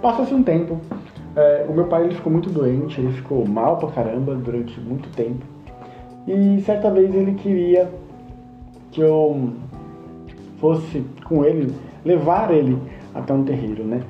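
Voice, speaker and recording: A man recounts a personal experience in an earnest, heartfelt tone, slipping into the voices of the people he quotes. His voice sits at a middle pitch. The sound is roomy and a little dull, with soft guitar in the background. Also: expressive, measured pace. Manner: earnest, acts out quoted dialogue. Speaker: storyteller. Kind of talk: personal testimony.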